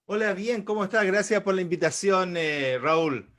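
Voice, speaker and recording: A man's voice: high voice, moderate pace, a bit bright. A Chilean man speaking as a guest in an online panel discussion, reflective and colloquial. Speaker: guest, theatre director.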